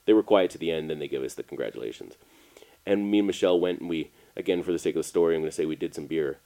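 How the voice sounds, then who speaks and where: A man's voice: very deep voice, very fast, vocal fry. A young adult man from Canada, telling a story in casual chat and laughing as he goes. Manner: laughing, animated storyteller who voices people in his anecdotes. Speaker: podcast co-host.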